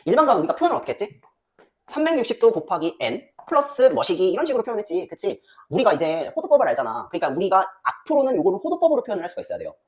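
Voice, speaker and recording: The class hears a very animated lecture from their math teacher, a woman whose pitch shifts dramatically between lines. She keeps throwing rapid questions at the students and mumbles to herself during calculations.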